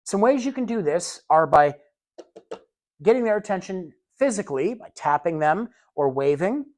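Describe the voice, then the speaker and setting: A man's voice: high-pitched, lively intonation, darkish tone. Casual, chatty male training instructor. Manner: casual, conversational teaching with many fillers and asides; demonstrates slow exaggerated enunciation. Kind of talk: recorded classroom lecture.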